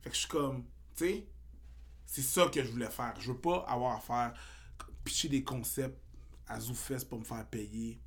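A man with a Québécois French accent, a comedian guest in a casual podcast chat, animated and mixing English slang into his talk, getting louder when worked up. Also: mid-range voice, normal speed.

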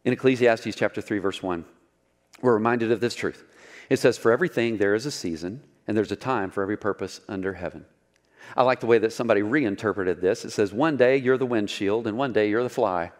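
A man's voice: on the low side, brisk. A man preaching a sermon in a conversational way, with asides to the congregation and rhetorical questions. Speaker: pastor.

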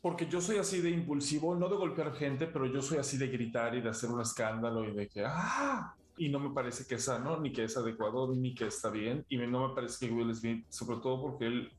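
A man's voice: mid-range voice, fairly even intonation, fairly quick, few pauses, a little mellow, echoey room. A man, giving emphatic opinions in a casual chat.

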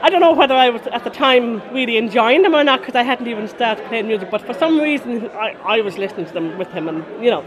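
A woman's voice: on the high side, expressive, fast talker, few pauses. Chatty woman, west of Ireland accent. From Connemara, west of Ireland. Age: 40s. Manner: chatty, rambling storytelling. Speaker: interviewee, folk musician. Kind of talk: casual chatty interview. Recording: busy crowd murmur behind. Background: crowd after a concert.

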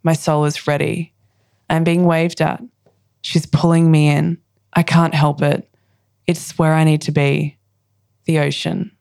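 A woman's voice: low voice, flat delivery, unhurried, vocal fry, long pauses, darkish tone, dry recording, studio quality. A woman who is a poetry guest, chatting casually and reading her own poems aloud, laughing often. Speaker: poet guest.

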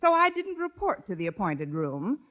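A woman's voice: mid-range voice, wildly swooping pitch, moderate pace. A woman playing a wry, wisecracking schoolteacher in old radio comedy, with a dry, sardonic delivery. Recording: dull vintage radio broadcast.

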